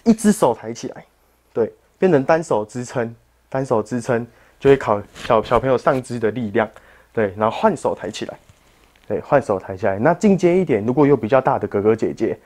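A man's voice: medium pitch, a little mellow. A man with a Taiwanese Mandarin accent, teaching a parent-child exercise class and patiently explaining each move to parents.

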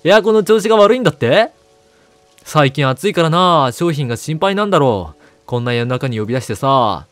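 A man's voice: a little high, animated, a little fast, a bit bright, dry recording, faint music behind. A man reading the lines of a laid-back male repairman in a horror game, in a breezy, familiar tone.

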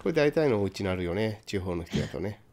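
A man's voice: on the low side, lively intonation, a little fast, a little mellow, a little hiss or hum. A man hosting a game let's play, teasing and bossing his co-host in casual chat on a close mic. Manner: teasing, bossy banter.

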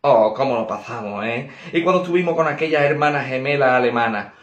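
A comedian does an old man lost in memories, lower and softer than his telling voice. It is slow and wistful. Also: echoey room, lo-fi sound, natural voice. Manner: wistful, reminiscing. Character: nostalgic old man talking to himself.

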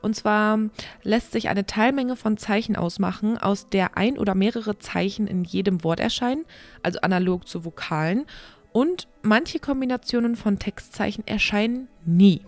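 A woman's voice: mid-range voice, moderate pace, a little mellow, soft background music. A woman podcast host reads a researched script and breaks off into frank, self-deprecating asides to her listeners.

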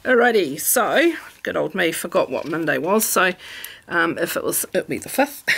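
A middle-aged woman with a New Zealand accent, chatting casually at home as she plans, relaxed and full of ums. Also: fairly low pitch, normal speed, vocal fry, husky. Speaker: planner vlogger. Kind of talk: casual craft chat. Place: home room.

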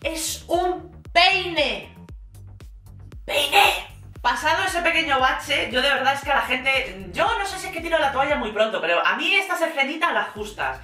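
A woman's voice: high-pitched, sing-song, a little fast, few pauses, bright, forceful tone, soft background music. A woman from Spain with a Spanish accent, recapping a reality show in casual, sarcastic commentary full of slang. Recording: echoey room, mic at a distance.

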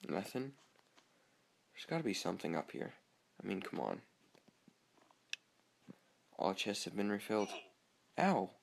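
Gravelly young man narrating his gameplay. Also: on the low side, big pitch swings, unhurried, pauses often. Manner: chatty, easily startled, talks to himself. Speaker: gamer. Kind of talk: casual gameplay commentary.

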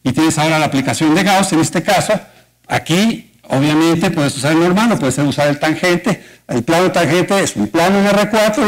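A fairly high-pitched man with a Mexican Spanish accent lectures on mathematics at a university colloquium held in an auditorium. He moves through his explanation step by step and asks rhetorical questions, heard on a low-quality recording.

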